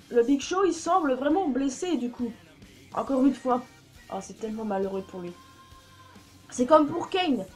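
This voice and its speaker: A woman's voice: high voice, darkish tone. A woman giving opinionated, blunt news commentary in a casual vlog, swearing now and then. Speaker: YouTuber.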